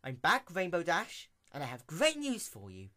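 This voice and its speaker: Storybook pony princess, played by a man: young, female, indignant schemer, hammy and theatrical, raised pitch, big swoops. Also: wildly swooping pitch, moderate pace, sharp tone, exaggerated voice. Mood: sly, smug. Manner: hammy, theatrical stage delivery. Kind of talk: dramatic reading of fan fiction.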